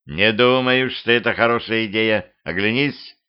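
A man voicing a gruff, practical cemetery watchman who talks bluntly and impatiently, on a dull lo-fi home recording. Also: lowish voice, normal speed, close to an everyday voice. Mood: urgent.

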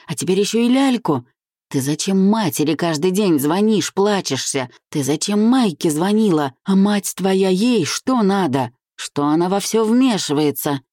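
A woman's voice: lowish voice, no room sound, clean studio sound, voice pushed up. A woman voicing a furious husband hurling accusations at his wife, in an audiobook. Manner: shouting accusations.

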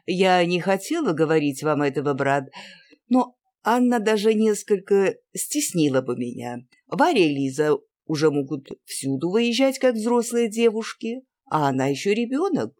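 A reader voicing a cool, dismissive middle-aged aristocratic aunt in an audiobook. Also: female voice, lowish voice, big pitch swings, moderate pace, a little mellow. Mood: stern.

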